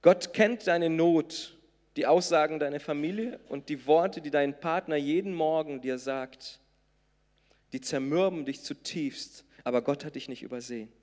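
A man from southern Brazil, preaching a sermon, swinging between loud emphatic peaks and soft intimate lines. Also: fairly high pitch, moderate pace. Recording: long reverb of a large hall.

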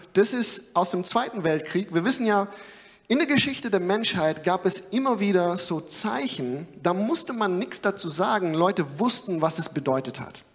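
A young male preacher with a high voice speaks earnestly and conversationally, often pausing on filler sounds. His sermon rings out with a long reverb from the church hall. It sounds like a live talk to a congregation.

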